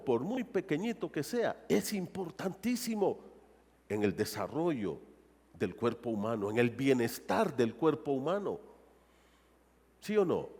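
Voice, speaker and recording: A man's voice: medium pitch, darkish tone, breathy edge, long reverb tail. A male pastor preaching a sermon in a church and often asking the congregation rhetorical questions. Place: church sanctuary.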